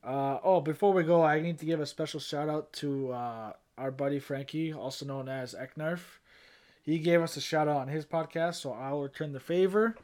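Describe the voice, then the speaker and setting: A man co-hosting a casual podcast, swearing freely and breaking into laughter and loud outbursts. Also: a little high, moderate pace. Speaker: podcast co-host.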